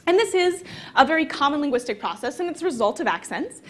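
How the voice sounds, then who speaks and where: A woman's voice: high-pitched, very animated, fast. A young woman from the American South giving a conversational conference talk with frequent fillers. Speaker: conference speaker. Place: conference hall.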